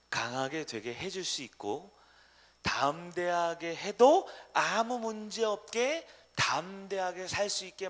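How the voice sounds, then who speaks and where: A man preaching a sermon as pastor in a church, asking the congregation questions and swinging between loud emphasis and hushed asides. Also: on the high side. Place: church sanctuary.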